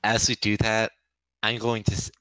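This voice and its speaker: A man's voice: on the low side, completely flat delivery, normal speed, bright, forceful tone, no room sound. A man playing a tabletop game, casually describing what his character does.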